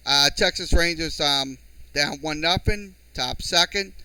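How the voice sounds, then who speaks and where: A man with a New Orleans accent hosts a live sports podcast, reading off baseball scores in a halting, um-filled delivery. His voice is bright and smooth, a touch higher than most men's. The sound is dry and close, from a home studio mic through a mixer. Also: no room sound, poor audio. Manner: halting, many ums and uhs.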